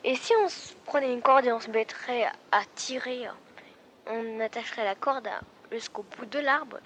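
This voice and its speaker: A woman voicing a big friendly male elephant in a calm, plain voice. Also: fairly high pitch, moderate pace, a little hiss or hum, lightly acted. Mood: explaining.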